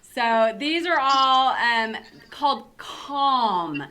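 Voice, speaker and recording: Bubbly bright-voiced woman host. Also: high voice, lively intonation, very slow, slight background noise. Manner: bubbly, chatty, laughs often. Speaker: host and salon owner. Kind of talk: casual chat about beauty products.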